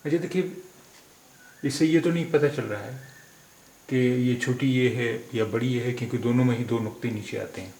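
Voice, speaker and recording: A language teacher from India with a mid-range, darkish voice at a moderate pace, recorded in an echoey room with faint background noise. He gives a slow word-by-word script lesson, patiently explaining letters and words step by step and saying each word three times.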